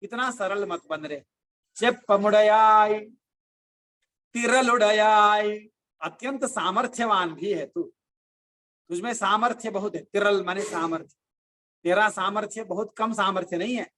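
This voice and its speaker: A man, a religious teacher, giving a devotional discourse, slowly chanting verses and explaining them through animated storytelling. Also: high voice.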